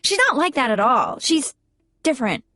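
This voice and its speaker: A woman's voice: sits high, big pitch swings, moderate pace, sharp tone, no echo, studio quality, exaggerated voice. A woman reading the lines of a bold, easygoing teenage girl in an audiobook, with a casual, offhand delivery. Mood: earnest.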